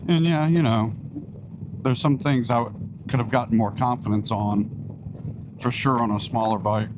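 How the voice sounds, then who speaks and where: A man's voice: medium pitch, steady tone, normal speed. A man chatting casually as a motorcycle vlogger while riding, his voice enclosed inside a helmet. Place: outdoors, riding a motorcycle on country back roads. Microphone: microphone inside a helmet. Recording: wind and engine noise, helmet mic.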